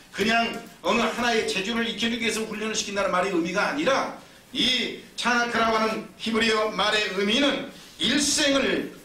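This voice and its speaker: A man preaching a Sunday sermon as pastor, telling stories in a lively, emphatic way. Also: sits high. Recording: roomy, distant mic, faint noise.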